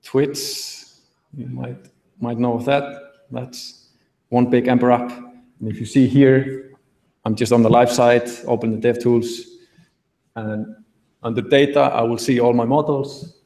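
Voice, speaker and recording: A young man giving a relaxed tech talk at a meetup, thinking aloud with fillers from a podium in a large auditorium. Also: mid-range voice, measured pace, gravelly. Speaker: conference speaker. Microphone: podium mic, recorded from the hall. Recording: echoey hall.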